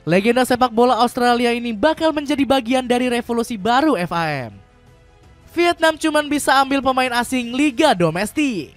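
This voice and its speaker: A woman narrating scripted football news as a voice-over, in a steady read-aloud delivery that drops in pitch at sentence ends. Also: normal speed, soft background music.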